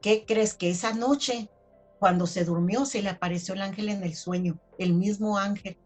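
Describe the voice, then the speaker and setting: A woman's voice: mid-range voice, normal speed, soft background music. A woman telling her own religious testimony in a chatty, casual way, full of fillers. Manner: chatty storytelling with many fillers. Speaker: testimony speaker.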